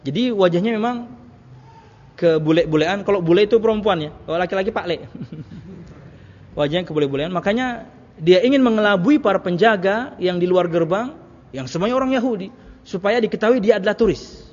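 A man gives a religious lecture to a congregation as an Islamic preacher, his high, darkish voice fairly quick yet broken by frequent pauses. He repeats phrases, tells anecdotes and asks rhetorical questions in a chatty way, all heard through a muffled, echoey hall recording.

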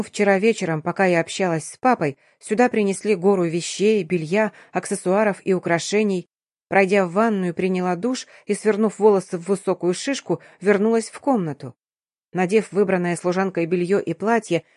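Brief: female audiobook narrator, even mid-range voice, dry booth sound. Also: mid-range voice, no echo. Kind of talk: first-person audiobook narration.

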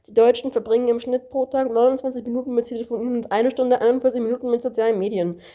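A woman's voice: fairly high pitch, steady tone, lo-fi sound, close to an everyday voice. A woman reading a smug know-it-all kangaroo. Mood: lecturing. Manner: smug, lecturing, quick-witted. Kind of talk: amateur audiobook reading.

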